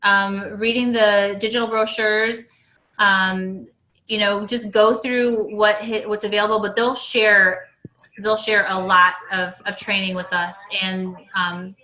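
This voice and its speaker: Bright-voiced woman leading a team call. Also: mid-range voice, level tone, unhurried, echoey room, poor audio. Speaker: team leader hosting a call. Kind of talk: casual group call.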